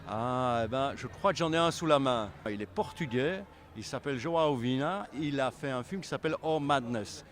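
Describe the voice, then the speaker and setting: A man's voice: mid-range voice, normal speed, few pauses. A man giving conversational, explanatory interview answers, rephrasing as he goes. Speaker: film selection association member being interviewed. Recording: faint background city noise.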